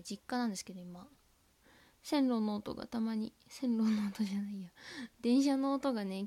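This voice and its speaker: A woman with a Tohoku accent hosting a casual solo podcast from home, talking softly and rambling with many fillers and whispered asides into a laptop mic. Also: a little high, vocal fry. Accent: Tohoku Japanese. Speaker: podcast host. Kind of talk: casual solo radio chat. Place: at home by an open window. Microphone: laptop built-in mic.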